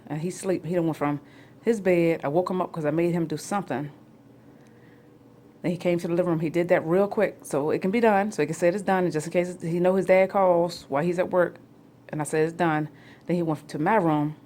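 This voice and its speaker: A woman in her forties with a fairly low voice rambles on in a home vlog, chatty and loose. Her talk jumps to loud, excited peaks, and a faint hum sits behind her. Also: a little fast. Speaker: family vlogger. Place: home, near the kitchen.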